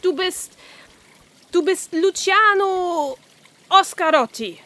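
A woman voicing an excitable, bossy male carp who coaxes in a high, gushing, theatrical way. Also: slow pace, exaggerated voice. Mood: exuberant.

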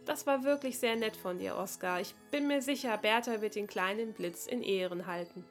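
Woman as warm fox schoolteacher, storybook voice. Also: medium pitch, normal speed, soft background music, close to an everyday voice. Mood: kindly. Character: kind female fox teacher.

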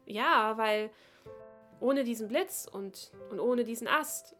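A woman's voice: a little high, slow pace, bright, forceful tone, faint music behind. A woman voicing a shy little male mole schoolboy who stammers and hesitates. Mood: flustered.

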